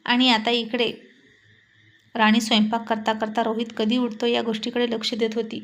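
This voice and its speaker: Brief: a woman storyteller with a fairly high voice, narrating steadily and expressively. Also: completely flat delivery, moderate pace, fairly bright tone.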